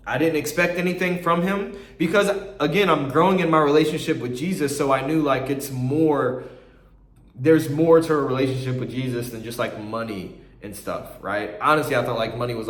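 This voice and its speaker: A young man telling an emotional personal story to camera, earnest and halting, close to tears. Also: mid-range voice. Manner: earnest, halting, with many restarts. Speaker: vlogger. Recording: echoey room.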